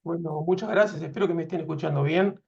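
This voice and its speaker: A man in his forties from Argentina, with an Argentine Spanish accent, gives a veterinary imaging lecture as a webinar over a video call. His voice is on the high side, quick, creaky and darkish in tone, the sound is lo-fi, and he is hesitant, with many fillers and restarts.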